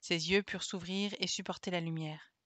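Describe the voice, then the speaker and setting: A woman streamer reading a classic children's novel aloud in a calm, steady storytelling manner. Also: lowish voice, normal speed, dry recording.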